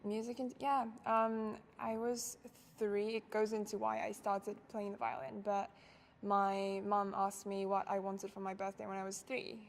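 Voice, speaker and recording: A young woman from Japan answers interview questions in a thoughtful, soft-spoken way. Her voice sits at an ordinary middle pitch, and she often laughs lightly. A faint hiss runs under the recording. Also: level tone, unhurried, creaky. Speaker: interviewee, violinist.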